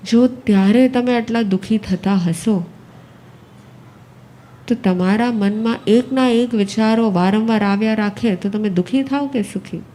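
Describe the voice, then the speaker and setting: A woman with a Gujarati accent gives a spiritual discourse in a mellow, somewhat high voice. She repeats key phrases and keeps asking her audience questions. A faint hiss runs under the recording. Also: measured pace. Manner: repetitive, asks the audience questions. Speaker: Jain nun giving a discourse.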